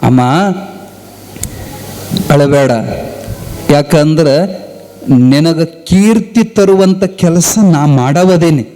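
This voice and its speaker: A man voicing a young boy ascetic who gently consoles his mother as he leaves home. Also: fairly high pitch, drawn-out words, pauses often, big-room sound, voice pushed down, low-quality recording. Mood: consoling.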